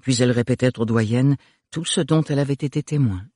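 A man narrating an audiobook in an expressive, animated storytelling way. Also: medium pitch, brisk, dry recording, clean studio sound. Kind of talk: scripted narration.

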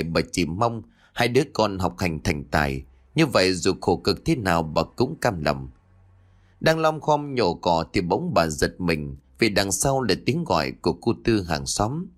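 A man narrating a dramatic story aloud with expressive delivery. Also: low-pitched.

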